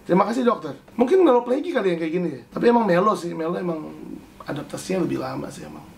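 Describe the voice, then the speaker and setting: A young man with a high voice hosts a casual chat and answers viewer questions. His pitch leaps up whenever he reads a question aloud. His delivery stays animated and loose. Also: very fast, vocal fry.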